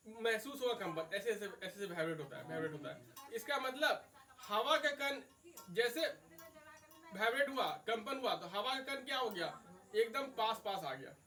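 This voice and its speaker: A man's voice: extremely high pitch, pushed and bright, recorded from a distance. A male physics teacher giving a classroom lecture, asking questions and answering them himself and repeating key terms.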